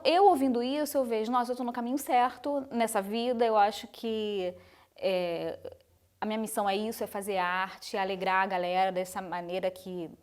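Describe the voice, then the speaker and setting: A woman's voice: on the high side, darkish tone. A woman from Brazil, a guest in an interview, telling her story in an earnest, reflective way. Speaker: guest, carnival designer. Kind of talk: interview conversation.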